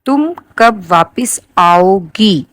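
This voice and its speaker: A woman reading short example sentences aloud in a lesson, in a flat, even tone. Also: mid-range voice, no room sound, clean studio sound. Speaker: prompt reader.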